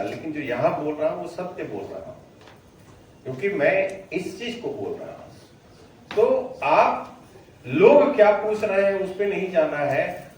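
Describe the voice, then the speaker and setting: A high-pitched man leads a motivational training session from a stage and pushes his audience to shout back their answers. His voice rings through a very echoey hall and sounds a little far from the mic, with faint noise behind. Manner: energetic, drills the audience to answer loudly. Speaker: sales trainer.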